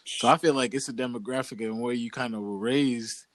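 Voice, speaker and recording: On a dry recording, a young man from Boston chats casually as a podcast co-host, his mid-range voice moving a little fast. His storytelling is laid-back, loose and full of slang.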